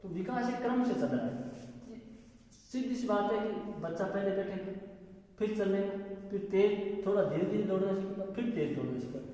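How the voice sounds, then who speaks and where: A high-voiced man with a Rajasthani accent teaches a classroom lecture, going over each point slowly and more than once. His tone is dark and mellow. He sounds far from the mic in a very echoey hall. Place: college classroom.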